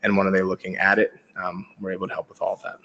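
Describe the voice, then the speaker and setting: A man's voice: sits low, completely flat delivery, very fast, pushed and bright, muffled recording. A man presenting a marketing webinar, explaining steadily with many ums and uhs. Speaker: company presenter.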